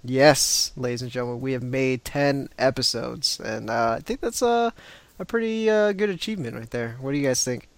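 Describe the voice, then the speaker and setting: A man's voice: medium pitch, moderate pace, gravelly, no room sound. A man hosting a casual video game podcast, upbeat and laughing often, with loose fillers. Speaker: podcast host.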